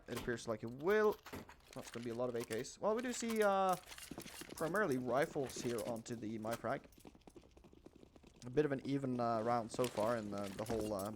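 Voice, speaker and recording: With a little hiss or hum on the recording and game gunfire behind him, an excitable male esports caster narrates a shooter match live. His voice lifts in pitch and volume during combat and turns calm between rounds.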